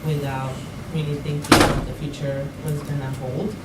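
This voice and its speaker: A woman's voice: sits low, little pitch movement, normal speed. A young woman from Colombia speaking on a conference panel, hesitant with many fillers. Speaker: program director on a panel. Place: large conference room. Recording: echoey hall, distant mic, loud background noise.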